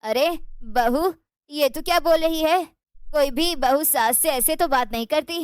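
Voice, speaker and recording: A woman voicing a weary, gentle elderly mother-in-law in a cartoon story, speaking in a soft, pleading way. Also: high voice, unhurried, no echo, clean studio sound.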